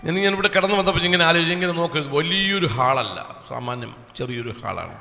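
Bright-voiced man testifying in a hall. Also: fairly high pitch, expressive, vocal fry, faint music behind. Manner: earnest storytelling with long pauses. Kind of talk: personal testimony at a church service. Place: small church hall. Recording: echoey hall reverb.

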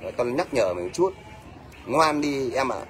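A man's voice: mid-range voice, sing-song, normal speed. A middle-aged man with a Northern Vietnamese accent, ranting at a commenter on a livestream in a blunt, scolding way and often asking "thấy chưa?". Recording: faint background noise.

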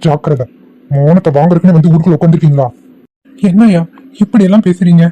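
A man voicing an angry, domineering older village headman who shouts threats and scorn. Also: fairly high pitch, fast talker, natural voice. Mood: furious threats.

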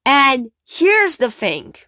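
A woman hosting a gaming channel, talking casually through her theories in a rambling, excitable way, full of "like" and "um", recorded on a phone screen recorder. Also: high-pitched, very slow, dry recording, studio quality. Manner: rambling, filler-heavy, excitable, trails off. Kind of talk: casual theory talk over gameplay.

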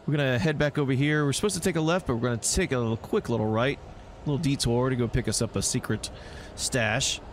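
Speaking fast in a mid-range voice, this man gives easygoing let's play commentary, with joking asides directed at the game's characters. There's a little hiss or hum, and video game music and action sounds play behind him.

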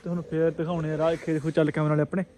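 A man's voice: fairly high pitch, flat delivery, racing, warm tone. A man with a Punjabi accent chatting casually and colloquially to his viewers as a vlogger. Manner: colloquial, addressing viewers as friends. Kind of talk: casual vlog chat. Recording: noisy phone vlog with ambient sound.

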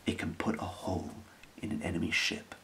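A man in a whispered role-play, playing a scheming thieves' guild boss with a breathy, creaky whisper and a measured, secretive delivery. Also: deep voice, level tone, a bit bright, slight background noise. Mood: hushed, calculating.

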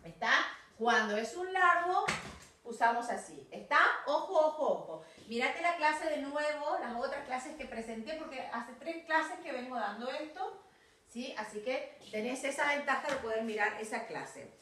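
Woman, Rioplatense accent, teacher, corrective, checks for understanding, slightly high voice, distant mic. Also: expressive, normal speed, fairly bright tone, a little hiss or hum. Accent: Rioplatense Spanish. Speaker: English teacher. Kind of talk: recorded class feedback. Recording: echoey room, voice off-mic.

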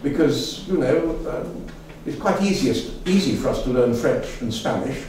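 A man's voice: medium pitch, expressive, a little slow, a little mellow. An older man giving an informal talk to a local society, rambling and chatty, with many fillers and restarts. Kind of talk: informal lecture. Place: meeting room with an audience. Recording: echoey room, mic far off, faint room noise.

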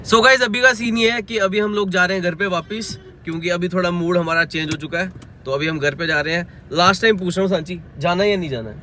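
A man's voice: high voice, quick pace, bright, forceful tone. A young man in his twenties, vlogging casually from inside a car, coaxing and teasing his girlfriend and then growing exasperated. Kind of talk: casual vlog chat while driving. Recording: faint outdoor traffic noise. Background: car and street sounds.

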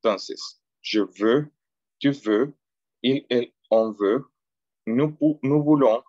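A man leads an online class, repeating each verb form slowly and patiently. His voice sits at a middle pitch. The call audio is dry and a little muffled. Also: a little mellow, no room sound. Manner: slow, patient drilling of conjugations. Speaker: French teacher. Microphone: video call.

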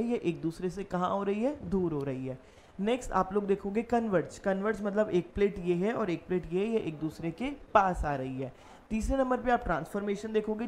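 A woman teaching an online lecture at a middle pitch. She explains step by step and puts questions to the class before she answers them. A faint hiss of noise sits under her voice. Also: a little mellow. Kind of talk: online lecture walking through slides.

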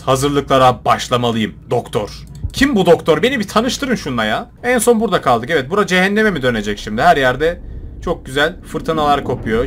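A young man commentating his own gameplay, joking and shouting at the game characters. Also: fairly high pitch, a little hiss or hum. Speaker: gaming YouTuber. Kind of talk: let's play commentary.

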